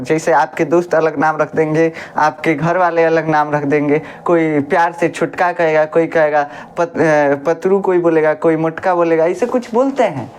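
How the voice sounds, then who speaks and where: A woman science teacher, explaining a lesson in a chatty, homely way. She keeps asking questions, answering them herself and repeating the key words. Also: mid-range voice. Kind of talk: classroom-style lesson.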